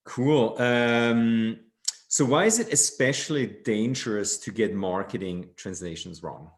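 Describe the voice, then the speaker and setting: A man's voice: fairly low pitch, unhurried. A middle-aged man who grew up in Switzerland and speaks German natively, hosting an interview in a casual, loosely phrased way. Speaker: interview host. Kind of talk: conversational interview.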